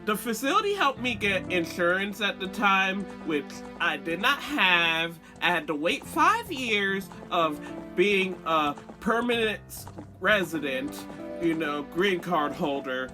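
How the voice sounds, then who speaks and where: A woman's voice: lowish voice, big pitch swings, takes it slowly, over music. A woman with a lisp, as if wearing a retainer, telling a personal story in a blunt, sweary, conversational storytime style. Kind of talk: candid casual storytime rant.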